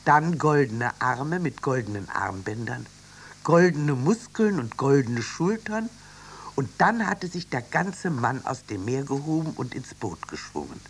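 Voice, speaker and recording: Vivid children's story narrator, animated pitch. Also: a little slow, a little hiss or hum. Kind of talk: children's radio story reading.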